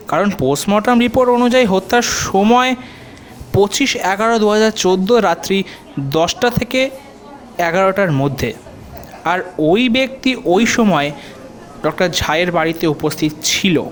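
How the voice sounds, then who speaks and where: In a Bengali detective story for audio drama, a male actor with a high voice plays a confident, helpful police officer. He explains things in a measured way, mixing in English terms, with slight background noise behind him.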